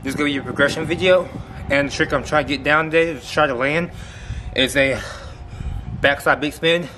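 A man's voice: a little high, quick pace, pushed and bright. A man filming himself skateboarding, out of breath, talking in a casual, joking, profane way. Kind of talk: casual vlog talk. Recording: outdoor noise with board clicks.

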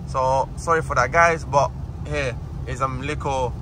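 London roadman vlogger over clear road noise. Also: mid-range voice, fairly even intonation, a little slow. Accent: London roadman, multicultural street slang. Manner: slangy, repeats short phrases for emphasis. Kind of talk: casual road-trip vlog chat to viewers. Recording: noisy car and street ambience.

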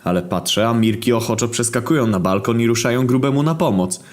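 A man narrating a comic internet story in a deadpan, profane storytelling manner. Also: mid-range voice, a little fast. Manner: deadpan storytelling, heavy swearing.

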